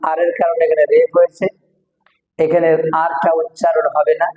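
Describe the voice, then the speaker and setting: A man giving a slow, step-by-step language lesson, repeating words syllable by syllable. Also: on the high side, completely flat delivery, phone-quality sound. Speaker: English teacher. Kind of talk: slow recorded lecture. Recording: echoey room with long reverb.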